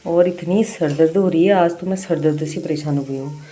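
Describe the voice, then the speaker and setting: A woman's voice: deep voice, normal speed, mellow, a little hiss or hum. A young woman chatting casually at home while her child cries, fondly scolding the child now and then, with a headache. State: has a bad headache. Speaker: vlogger, mother. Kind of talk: casual home vlog chat. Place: home, indoors.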